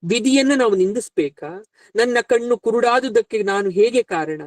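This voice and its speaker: A man's voice: high-pitched, animated, normal speed, no room sound. A man doing Dhritarashtra, aggrieved old king. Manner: pleading, protesting questions.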